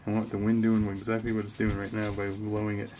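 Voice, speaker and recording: A man's voice: on the low side, monotone, quick pace, background noise. A middle-aged father casually coaching his children through scenes of a home short film, giving amused, patient direction.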